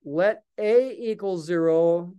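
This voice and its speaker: Older man lecturing calculus, mellow and smooth. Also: high voice, slow pace, lo-fi sound. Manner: patient, thinking aloud while writing. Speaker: math lecturer.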